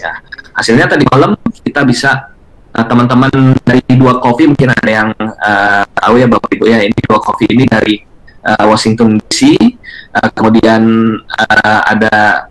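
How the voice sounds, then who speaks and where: A man presents a live online webinar from a video conference. He talks hesitantly, pausing on filler sounds, and keeps turning to address his audience politely. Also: mid-range voice, fairly bright tone, low-quality recording.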